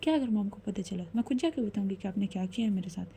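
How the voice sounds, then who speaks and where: Brief: a woman reading an easily rattled young woman, stammers, mellow voice. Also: medium pitch, expressive, very fast, a little hiss or hum, lightly acted. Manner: stammering repeats when flustered.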